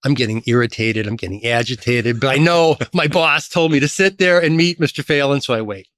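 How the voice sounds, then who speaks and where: A middle-aged man from Chicago, a guest in an interview, telling lively stories about his career. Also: brisk, no room sound, clean studio sound. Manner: animated storyteller, lively pitch jumps. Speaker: podcast guest, association executive. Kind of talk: storytelling interview.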